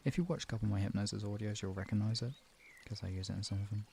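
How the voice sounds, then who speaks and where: A man with a lowish, gravelly, slightly mellow voice talks very fast over slight background noise. He hosts a live stream as a relaxation guide, chatting casually and improvising with viewers, often rambling and trailing off mid-thought.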